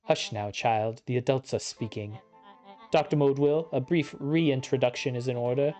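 Actor playing scheming villain, smug, condescending, theatrical monologue, mid-pitched, video game, music underneath. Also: moderate pace, darkish tone, lightly acted. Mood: smug, grand. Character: smug scheming villain, animal founder in youthful body.

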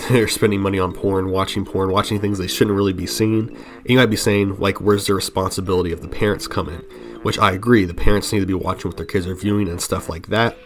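A man's voice: low voice, steady tone, fairly quick. A young man giving earnest opinion commentary over gameplay, rambling with frequent restarts. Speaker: gaming commentary channel host. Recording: voice-over with faint music underneath.

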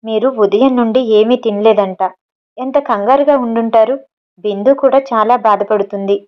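Brief: kind young woman, calm and comforting, voiced by a female storyteller, slightly dull audio. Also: on the high side, close to an everyday voice. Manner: gentle, reassuring. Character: caring young woman, gentle.

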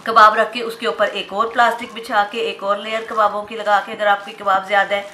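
Woman cooking host, bright chatty voice, step-by-step home recipe, roomy kitchen echo with frying behind. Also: mid-range voice, level tone, a little fast. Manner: chatty, step-by-step, addresses viewers directly. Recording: roomy kitchen echo, faint background noise. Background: oil frying in a pan.

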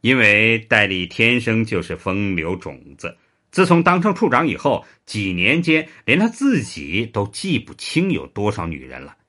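A man narrating a serialized historical story in an expressive, animated way. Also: lowish voice, unhurried.

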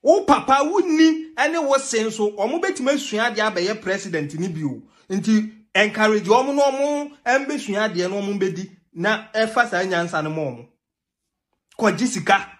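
A man's voice: high-pitched, expressive, moderate pace, a bit bright. A young man with a Ghanaian accent giving emphatic political commentary to camera from a small room, mixing English and Twi. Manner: emphatic, mixes English and Twi, laughs mid-rant. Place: small indoor room with a TV behind.

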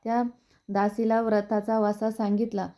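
A woman reading a devotional folk story aloud in a steady, unhurried recitation. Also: mid-range voice.

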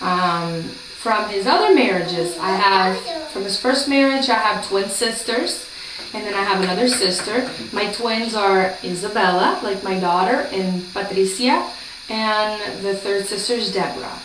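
An unhurried, mid-range voice belongs to a Brazilian-born woman in her late twenties vlogging casually at home, full of ums as she rambles. She sits in a small room near a door with the camera across the room, so it sounds roomy and far off against background noise.

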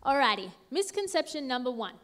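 An Australian woman in a comic skit, correcting her partner in a brisk way. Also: high-pitched, very animated, fairly bright tone.

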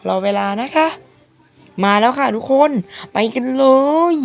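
A woman with a hoarse, sick-sounding voice giving casual game commentary, politely addressing her viewers. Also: a little high. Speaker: gaming video host.

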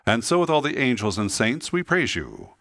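A man leading the prayers of the Mass as a priest, in a solemn, measured, intoning delivery. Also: mid-range voice, huge pitch swings, vocal fry, fairly bright tone, dry recording, clean studio sound.

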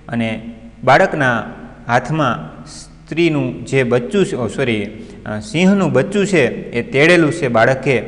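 Man, teacher, online class, storytelling with word explanations, long reverb. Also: medium pitch. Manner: retells a story and stops to gloss words.

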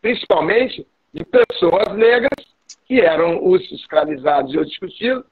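A woman lawyer speaking in a live online debate, talking earnestly with halting restarts while her audio distorts and clips. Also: on the low side, expressive, breathy edge, dry recording. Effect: distorted, clipping audio. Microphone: video call. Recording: distorted phone-like video call line.

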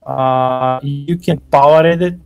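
A man running a tabletop game as game master over a choppy, glitching online call, talking haltingly with many fillers and restarts. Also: fairly high pitch, fairly even intonation, gravelly, clean tone, dry recording, soft background music. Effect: choppy, glitching online call audio.

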